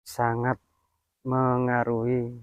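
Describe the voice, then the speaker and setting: A man, a spiritual guest, calmly explaining in short plain phrases. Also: mid-range voice, takes it slowly, clean tone, no echo, highs cut off.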